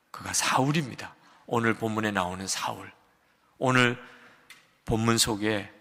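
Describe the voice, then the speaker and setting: Older man preaching in a reverberant church. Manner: dynamic preaching, swings from loud emphatic peaks to quiet low asides; acts out a shouting quarrel in quotes. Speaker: pastor. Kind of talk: sermon. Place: large church sanctuary. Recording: long hall reverb of a church sanctuary.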